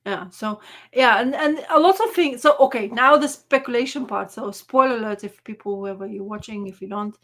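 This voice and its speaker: A woman co-hosting a casual chat show, talking in an animated way that trails off and restarts mid-sentence. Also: fairly high pitch, moderate pace. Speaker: podcast co-host.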